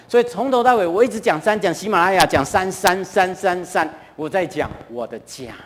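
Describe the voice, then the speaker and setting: Man, Taiwanese Mandarin accent, middle-aged, church guest speaker, chatty storytelling, high voice, long hall reverb. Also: fairly bright tone, slight background noise. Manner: chatty, keeps asking the audience questions. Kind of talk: lively storytelling talk to a live audience.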